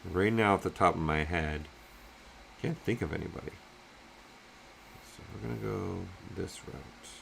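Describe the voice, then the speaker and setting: A man's voice: low-pitched, unhurried, vocal fry, pauses often, slight background noise. A man streaming his 3D sculpting work, muttering half-finished thoughts aloud as he works and answers chat.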